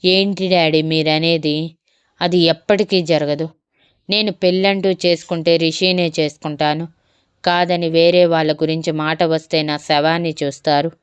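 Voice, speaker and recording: A woman's voice: deep voice, fairly even intonation, unhurried, smooth, no room sound. A woman voicing a young woman in love who pleads through tears. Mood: defiant. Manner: crying, pleading.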